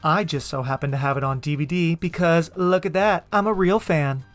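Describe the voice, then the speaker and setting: A man's voice: a little high, moderate pace, no echo, soft background music. A man in his thirties with an American accent, hosting a podcast in a playful, campy way. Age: 30s. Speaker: podcast host. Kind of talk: upbeat podcast intro and casual chat.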